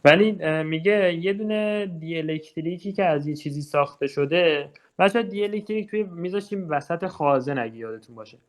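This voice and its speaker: A man's voice: a little high, hardly any pauses. A young man with a Persian accent tutoring physics, chatting his way through exam questions, thinking aloud and checking in with students. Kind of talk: casual exam walkthrough lesson.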